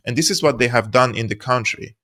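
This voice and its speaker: A man's voice: medium pitch, fast, sharp tone. A man from Syria, a guest analyst in an interview, explaining at length in an earnest, emphatic way and repeating points for stress. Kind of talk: interview answers.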